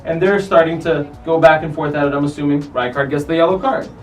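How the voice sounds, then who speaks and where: Brief: male host, high-pitched and animated, off-mic slightly, music bed behind, casual soccer commentary. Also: fast talker, far from the mic, poor audio. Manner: animated, profane, acts out players' lines. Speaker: host of a soccer countdown show. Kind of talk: casual commentary over match footage.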